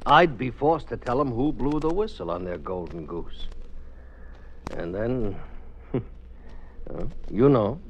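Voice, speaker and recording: An actor playing a slick, menacing show agent with mob ties in an old radio drama, smooth-talking and condescending. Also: male voice, mid-range voice, lively intonation, slow, pauses often. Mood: coolly controlling. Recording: dull, noisy old radio recording.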